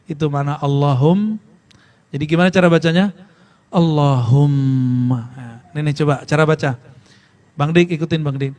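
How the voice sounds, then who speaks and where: A man giving an informal religious lesson, talking conversationally, quizzing his listeners and chanting Arabic phrases slowly. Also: on the high side, darkish tone. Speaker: preacher teaching a study circle.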